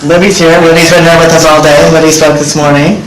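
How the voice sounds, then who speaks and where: Over crowd noise, a middle-aged man with a higher voice testifies quickly and in a level tone to senators. He speaks earnestly and directly into a desk microphone, and the hearing room audio sounds roomy.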